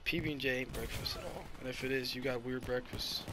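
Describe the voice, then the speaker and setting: A young man commentating his own gameplay, excitable and prone to sudden yelling. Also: medium pitch, quick pace. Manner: excitable, bursts into yelling and shrieks. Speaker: gaming channel host. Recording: game gunfire behind the voice. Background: gunfire and game sounds.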